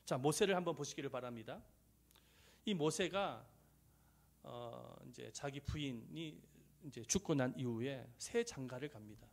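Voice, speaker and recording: A middle-aged male pastor preaching a sermon, swinging between loud rises and soft near-whispers, and acting out quoted voices. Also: medium pitch, unhurried, vocal fry. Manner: acts out quoted voices in dialogue.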